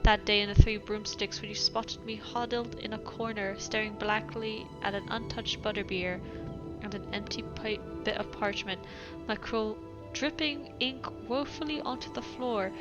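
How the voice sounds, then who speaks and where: Her mid-range voice keeps a fairly even intonation at normal speed over lo-fi sound and background music. She is a young woman of British origin raised elsewhere in Europe, with a mixed European English accent, giggling and chatty with many fillers as she reads letters aloud during a game stream.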